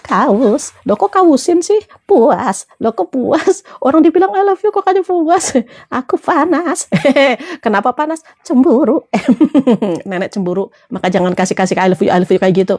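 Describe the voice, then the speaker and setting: High-voiced chatty woman trainer laughing. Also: lively intonation, unhurried, darkish tone. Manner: chatty, laughs often, answers viewer comments. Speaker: motivational trainer. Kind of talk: casual motivational talk to followers.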